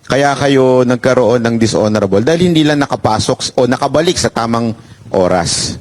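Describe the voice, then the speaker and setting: A man's voice: medium pitch, expressive, moderate pace. Male host asking leading questions. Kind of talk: interviewing.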